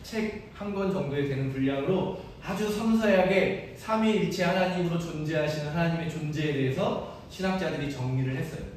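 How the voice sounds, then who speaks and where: A male priest preaching an earnest, personal sermon, slightly higher-voiced than most men. His voice rings out across a big echoey church sanctuary, picked up from well off the mic, with faint noise underneath. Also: fairly quick, few pauses, recorded from a distance. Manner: earnest, personal preaching with self-deprecating asides. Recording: echoey church hall from afar.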